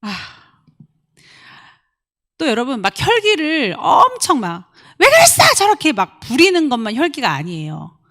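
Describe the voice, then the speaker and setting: A woman pastor preaches with a fairly high voice that leaps all over its range. She acts out quoted voices in the middle of her sermon. She swings from sudden loud outbursts to quiet asides. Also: very animated, measured pace, pauses often. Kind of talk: lively sermon with acted-out examples.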